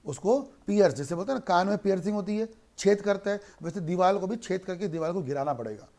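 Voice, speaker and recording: A man teaching a law class in Hindi mixed with English, who keeps asking questions and answering them himself, and slows down to read English lines aloud. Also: high voice, animated, a little mellow. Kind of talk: online lecture.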